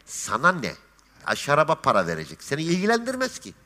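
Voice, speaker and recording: A man's voice: a little high, fast. A man chatting as a guest on a talk show, telling stories and acting out the dialogue. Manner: lively storyteller, acts out dialogue. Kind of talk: casual chat.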